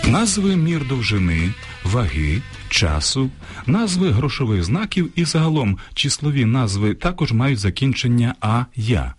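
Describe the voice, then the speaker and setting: A man presenting a scripted radio talk on grammar, reading out word lists in a measured way. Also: mid-range voice, sing-song, faint music behind. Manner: measured, lists examples slowly. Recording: radio studio broadcast.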